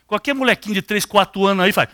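A man's voice: high-pitched, fast talker. An older man with a Brazilian accent preaching a sermon, putting questions straight to his congregation. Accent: Brazilian Portuguese. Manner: animated, questions the congregation directly.

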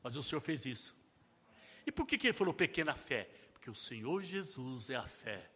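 A man's voice: mid-range voice, big pitch swings, moderate pace, in a large hall. A man preaching a sermon in a dramatic way, calling out the cries he reads aloud. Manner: dramatic, shouting out quoted cries.

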